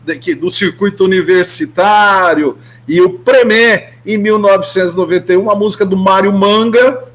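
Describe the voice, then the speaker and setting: A man's voice: high voice, moderate pace, a bit bright. A man hosting a community radio show, chatting casually and rambling with restarts. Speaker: radio host.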